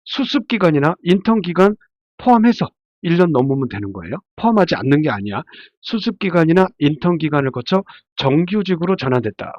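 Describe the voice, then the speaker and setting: A man with a fairly high, darkish voice gives a casual slide lecture as a labor attorney, explaining points and often posing questions he then answers himself. He's congested from a head cold, so he sounds stuffy and nasal. The recording is dry with no room sound, and the lo-fi audio is dull and muffled.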